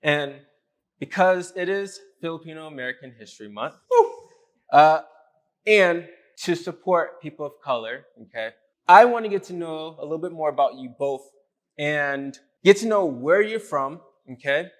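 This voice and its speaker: A man's voice: a little high, expressive, normal speed. Upbeat man hosting a fitness chat. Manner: upbeat, coaching, checks in with "okay?". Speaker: fitness podcast host. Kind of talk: casual interview, fitness challenge.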